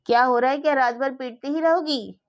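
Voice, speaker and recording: A woman's voice: on the high side, level tone, brisk, darkish tone, natural voice. Stern husband, harsh and firm, read by a woman storyteller; storybook, slightly lo-fi. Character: stern middle-aged husband.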